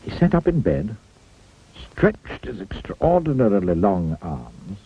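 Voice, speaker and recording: A man's voice: lowish voice, wildly swooping pitch, husky. Man reading a storybook, swooping playfully. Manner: playful, swooping, drawn-out emphasis. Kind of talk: children's storybook read-aloud. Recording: slightly muffled, faint music behind.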